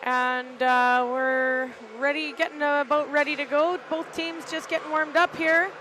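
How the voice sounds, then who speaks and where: A middle-aged woman giving casual, halting live play-by-play commentary from an arena balcony, with lots of "uh" fillers. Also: sits high, level tone, sharp tone, a little hiss or hum, rough recording. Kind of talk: live amateur sports commentary. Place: arena balcony above the rink.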